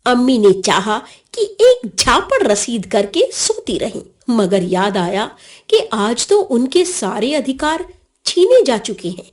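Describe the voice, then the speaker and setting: A woman reads a children's story aloud in an expressive storybook manner. Her voice is high and swings up and down. She takes each phrase slowly and clearly.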